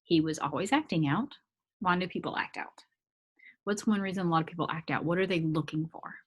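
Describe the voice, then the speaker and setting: A woman's voice: fairly low pitch, fairly quick, slightly rough. A woman teacher explaining a reading assignment to her students in a patient, casual manner. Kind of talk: recorded remote reading lesson.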